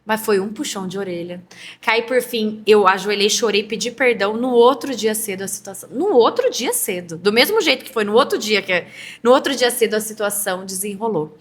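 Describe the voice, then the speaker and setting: A woman with a Brazilian Portuguese accent telling a personal faith testimony in casual chat, animated and acting out the dialogue she quotes. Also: mid-range voice, a little fast, a little hiss or hum.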